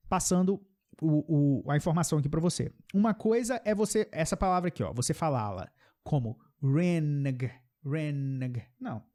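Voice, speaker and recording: A man's voice: high-pitched, dark tone. Brazilian man teaching English pronunciation. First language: Brazilian Portuguese. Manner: repeats English words slowly, checks in with "ok?". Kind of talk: pronunciation lesson.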